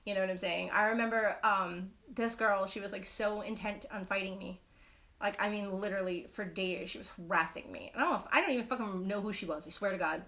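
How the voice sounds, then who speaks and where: A woman's voice: mid-range voice, a little fast, sharp tone. Blunt, foul-mouthed New woman. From Brooklyn, New York. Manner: blunt and profane, rambling with many fillers. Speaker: knitting live-stream host. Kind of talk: casual live-stream chat.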